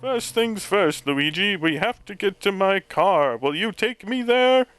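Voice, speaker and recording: A man voicing an old male inventor professor, reading video game lines in a raised, excitable put-on voice. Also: measured pace, clean tone, no echo, faint music behind, low-quality recording. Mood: eager. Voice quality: put-on voice the performer calls bad. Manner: higher, excited, reading game dialogue aloud.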